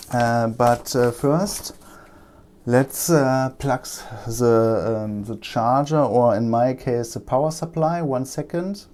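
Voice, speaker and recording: Working at his bench, a German repair technician chats his way through a laptop fix in relaxed vlog style. He has a German accent and a mellow, mid-range voice, and his speech stops and starts with frequent ums and uhs.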